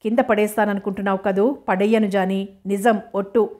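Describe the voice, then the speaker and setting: A man's voice: high-pitched, steady tone, fairly quick, dark tone, close to an everyday voice. A woman reading the part of a troubled young man who begs like a child, in an audiobook. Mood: pleading.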